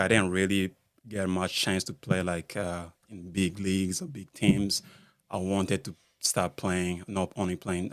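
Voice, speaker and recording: In a casual podcast conversation, a Rwandan basketball skills coach speaks deeply and without much inflection, stopping often to search for words and using many fillers. The studio microphone makes for a clean, dry recording.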